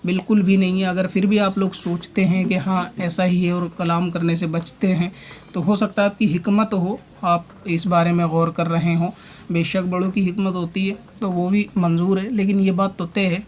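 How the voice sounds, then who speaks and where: A man's voice: high-pitched, level tone, a little hiss or hum. A man speaking a long rebuttal monologue as a religious online commentator, addressing his opponent directly and repeating his points as he argues. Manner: explains at length with repeated points.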